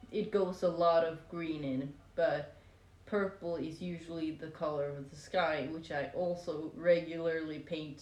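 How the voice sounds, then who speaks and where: Low and somewhat dark in tone, this woman, a native Norwegian speaker, crochets while casually chatting to her stream audience. She comes across as playful, rambling and hesitant, in a roomy space with background music.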